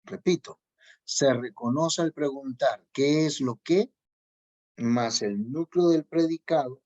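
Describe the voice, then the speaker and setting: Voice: mid-range voice, slow pace, a little mellow. Repetitive lecturing teacher, lo-fi sound. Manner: repeats key points for emphasis; checks in with students. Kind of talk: grammar lesson lecture. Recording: dull lo-fi recording.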